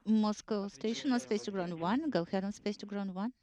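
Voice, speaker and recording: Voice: medium pitch, fairly quick, noisy background. A crew member on a space-to-ground radio link, speaking in brief, formal procedure calls from far off. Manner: brief, formal call-and-response. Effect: space-to-ground radio link, distant and filtered. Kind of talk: clipped radio procedure talk. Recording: distant radio transmission.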